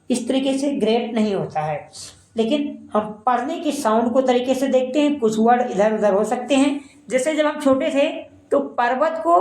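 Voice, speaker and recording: A woman's voice: high-pitched, darkish tone, echoey room, low-quality recording. A woman teaching pronunciation, spelling words letter by letter and drilling the sounds, often addressing her listeners as friends. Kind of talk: pronunciation lesson.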